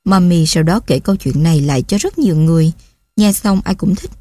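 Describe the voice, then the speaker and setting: A woman's voice: lowish voice, a little fast, warm tone, no echo. A mother reading her own story aloud in a tender, reflective way. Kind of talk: reading a personal memoir aloud.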